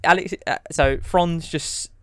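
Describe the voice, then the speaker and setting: A man's voice: a little high, fairly even intonation, unhurried, no room sound. A man narrating as game master of a tabletop game, often repeating words as he describes scenes.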